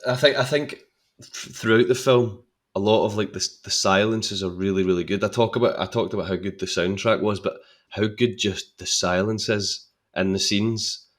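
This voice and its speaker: A young man talks about a favourite film as a podcast guest, his voice sitting low. He is eager and chatty, stumbling over repeated words as he gathers his thoughts. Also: fairly even intonation, normal speed. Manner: enthusiastic, repeats words while thinking. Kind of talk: casual film chat.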